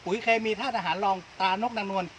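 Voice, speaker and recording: A man's voice: high-pitched, steady tone, fast, fairly bright tone, a little hiss or hum, poor audio. A man hosting a company channel, formally introducing a guest outdoors at a coconut orchard. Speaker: channel host.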